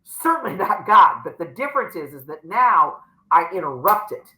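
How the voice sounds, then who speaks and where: A woman's voice: fairly low pitch, big pitch swings, moderate pace, sharp tone, poor audio. A middle-aged woman, a company CEO, speaking emphatically as a guest on a faith-based podcast and acting out her inner dialogues.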